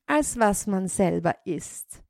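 A woman's voice: medium pitch, animated, takes it slowly, vocal fry, darkish tone, dry recording, clean studio sound. A woman voicing a sly, greedy female cat in a storybook reading, with a smug, honeyed manner.

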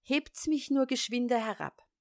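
A woman's voice: a little high, unhurried, pitched above the performer's own voice. A woman voicing a tiny, cheeky thumb-sized boy in a storybook reading, pert and teasing. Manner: pert, teasing, loud shouting.

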